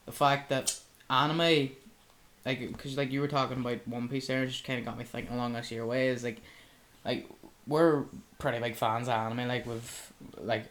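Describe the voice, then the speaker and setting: A man's voice: mid-range voice, fairly bright tone. Rambling young man. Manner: rambling, heavy on filler words. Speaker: podcast co-host. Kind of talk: casual chat.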